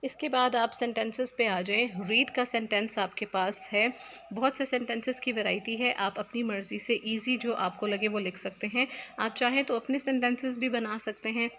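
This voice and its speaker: A woman teacher walks her pupils through a lesson in a fairly high voice, slowly repeating each key word. A faint room hum sits behind her. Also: steady tone, fairly bright tone. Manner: slow, explanatory, repeats key words. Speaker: English teacher. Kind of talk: recorded classroom lesson.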